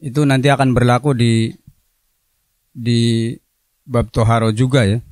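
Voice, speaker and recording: A middle-aged religious teacher at an Islamic boarding school lectures a class on a religious text, explaining it word by word and adding playful asides about word meanings. His mid-range voice is unhurried, slightly mellow and fairly level in pitch, in a dry recording.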